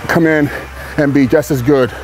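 Poor audio with slight background noise and music captures a pro bodybuilder in his thirties speaking candidly to camera between sets in a large indoor gym. His voice is a little high and slightly mellow, with fairly even intonation at a moderate pace, and his laid-back talk rambles with fillers.

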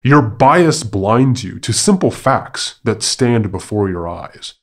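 A man's voice: fairly low pitch, very animated, slow, full character voice. A man voicing a boastful male monkey who proclaims himself a man, speaking in a grandiose, declaiming manner. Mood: scornful.

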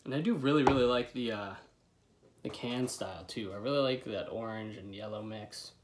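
Sitting at his bedroom desk with dip in his lip, a twenty-something product reviewer talks in a lowish voice at a moderate pace. His vlog review is casual and relaxed, full of free swearing, with background noise audible in the small indoor room.

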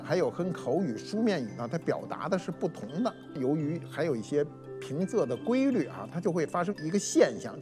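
A man's voice: a little high, darkish tone. A man giving an explanatory talk-show monologue, teaching by saying example words aloud. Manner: didactic, demonstrates pronunciations aloud. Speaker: cultural commentator. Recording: reverberant room with faint music.

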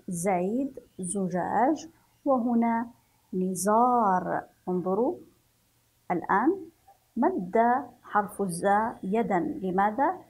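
Woman from Yemen, breathy mid-pitched voice, teacher reading words slowly for children. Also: a little mellow, low-quality recording. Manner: slow, drawn-out syllable-by-syllable reading for young pupils. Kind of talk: children's reading and writing lesson.

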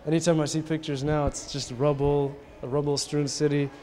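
Hesitant young man, slightly high voice. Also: little pitch movement, a little fast, darkish tone. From United States. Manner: hesitant, searching for words. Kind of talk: personal interview answers. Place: indoor room against a plain wall. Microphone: handheld mic.

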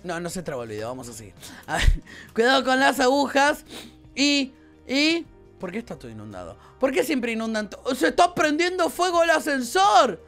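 A young man with a Rioplatense Spanish accent chats his way through a game for his viewers, talking to them directly and reacting aloud as things happen. His pitch swings widely and freely. Soft game music plays faintly under him. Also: wildly swooping pitch, normal speed. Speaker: gaming YouTuber. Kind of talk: let's-play game commentary.

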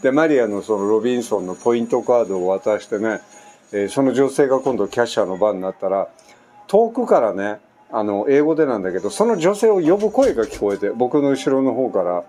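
Animated older man telling a story. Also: medium pitch, brisk. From Japan. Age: 60s. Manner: chatty, animated anecdote telling with frequent asides. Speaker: vlogger. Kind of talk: casual storytelling monologue. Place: at home on an island, construction nearby. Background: faint construction noise.

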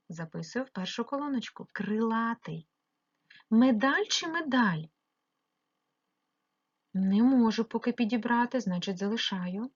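A woman teacher from Ukraine giving a remote primary-school lesson, slowly drawing out words to mark their stress. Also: a little high, a bit bright, muffled recording. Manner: slow, drawn-out stressing of words.

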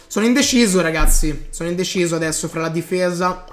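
A man giving excitable live commentary over his own gameplay, breaking into bursts of hype and talking straight to his viewers. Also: sits high, fast talker. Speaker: gaming YouTuber.

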